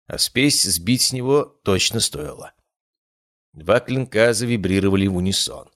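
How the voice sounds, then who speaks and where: A man reading a first-person fantasy story aloud in a steady, measured way. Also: on the low side, no room sound, clean studio sound. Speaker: audiobook narrator.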